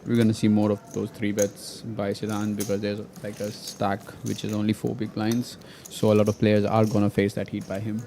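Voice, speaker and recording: Mellow, monotone male poker analyst. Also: on the low side, normal speed, hardly any pauses, slight background noise.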